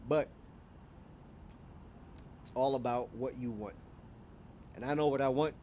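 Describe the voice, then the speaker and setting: A Kenyan man in his twenties vlogs outdoors at dusk, talking casually and candidly to the camera in a reflective monologue, musing and laughing at himself. His mellow voice is medium in pitch and a little slow, with slight background noise.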